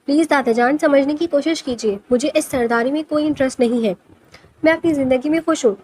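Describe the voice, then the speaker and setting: A woman's voice: sits high, darkish tone, slight background noise, natural voice. A woman voicing a frustrated young man who refuses his family's inheritance, speaking in a protesting way in a storybook reading. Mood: frustrated defiant. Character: young man, heir, fed up and defiant.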